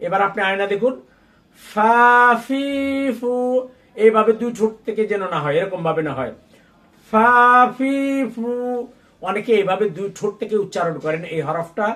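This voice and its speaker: A man teaching Quran recitation, spelling out each letter and vowel mark, then repeating the syllables in a slow, sung drawl. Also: high voice, recorded from a distance. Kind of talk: slow drilled letter-by-letter lesson.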